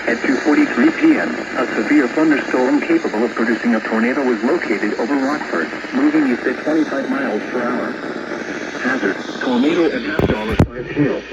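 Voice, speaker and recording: A man's synthetic-sounding weather radio voice, reading an emergency warning in a formal, measured bulletin manner. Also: medium pitch. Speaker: weather radio alert announcer. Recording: dull noisy weather radio broadcast. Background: loud radio noise.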